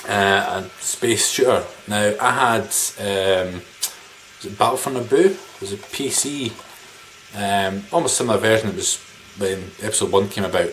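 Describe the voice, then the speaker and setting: In a small living room, a man in his thirties chats to camera about his video game pickups, rambling, informal, and mildly sweary. His voice is on the low side with a fairly bright tone at a normal speed. The audio is poor, with background noise and room ambience.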